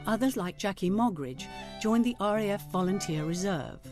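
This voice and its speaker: A woman giving measured, scripted documentary narration. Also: medium pitch. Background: music.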